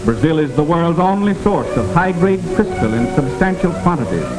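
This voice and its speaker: A man's voice: fairly high pitch, big pitch swings, normal speed, rough recording. A man narrating a 1940s wartime newsreel in a formal, declamatory, rousing manner. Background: loud orchestral music.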